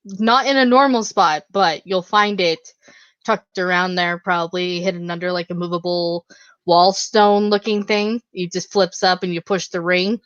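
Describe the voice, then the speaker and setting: A woman's voice: fairly low pitch, steady tone, normal speed, fairly bright tone, no echo. A woman narrating a tabletop game as game master, in a casual, chatty way. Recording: dull lo-fi, dry.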